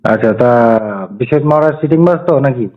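A man on a phone call as a tantric healer, talking in a pushy, insistent way. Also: medium pitch. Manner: pushy, insistent, fast talker. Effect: heard over a phone line.

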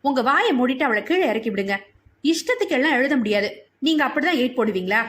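A woman's voice: high-pitched, sing-song, fast talker, fairly bright tone. A woman voicing a strict, short-tempered young mother in an audio novel, biting off her words sharply. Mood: scolding. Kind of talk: audiobook character voice.

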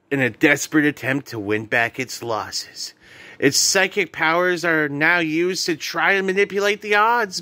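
A young adult man, a vlogger and host, reads a short story aloud in casual vlog style, informal and playfully dramatic. He records on a phone held at arm's length in an indoor room, and his voice is a little high and sharp with no room sound.

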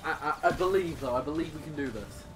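Fast-talking and expressive, this young man's slightly high voice carries his casual gameplay commentary as a gaming video host. He rambles, sounds exasperated, makes joking complaints, and swears mildly. Video game action sounds are clearly audible behind him, with a noisy background.

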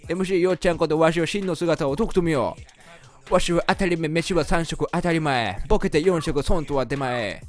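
A man voicing a gruff, boastful old male squid commander from a video game, with old-fashioned speech. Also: on the high side, moderate pace, close to an everyday voice.

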